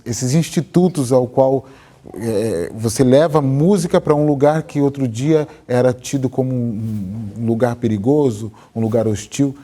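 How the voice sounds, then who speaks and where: A middle-aged man with a Brazilian Portuguese accent hosting a TV interview in a studio, enthusiastic and expressive. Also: medium pitch. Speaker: TV interview host.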